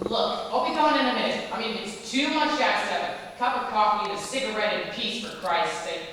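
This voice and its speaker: A bitter young diner cook, played by an actress, snaps and sneers in a bright, edgy voice. It is caught from far back in a big echoing hall with a faint hiss underneath. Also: female voice, a little high, brisk, close to an everyday voice. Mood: grumbling. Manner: irritable, sarcastic, bursts into shouting. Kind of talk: stage play performance. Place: theatre stage. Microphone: distant room mic.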